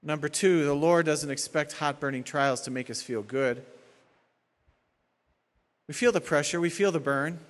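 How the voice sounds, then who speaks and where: A man's voice: a little high, normal speed, long pauses. A male pastor preaching a sermon, moving between plain teaching and acting out heated prayers and complaints. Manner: animated, acts out prayers and complaints. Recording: long hall reverb.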